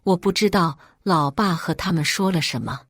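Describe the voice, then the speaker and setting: A woman narrating a dramatic first-person family story in an expressive storytelling manner. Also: fairly low pitch, normal speed, no echo, clean studio sound.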